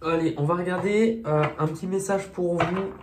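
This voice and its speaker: A man's voice: high voice, fairly even intonation, moderate pace. Chatty man reading tarot cards. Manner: chatty, hesitant, self-mocking. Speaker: tarot card reader. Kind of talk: casual monthly tarot reading. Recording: echoey room, faint noise.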